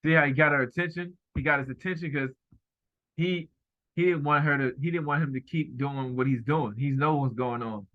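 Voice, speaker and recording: A man's voice: a little high, fairly quick, narrow, tinny audio. A man giving heated, repetitive running commentary over a video, speaking emphatically and accusingly.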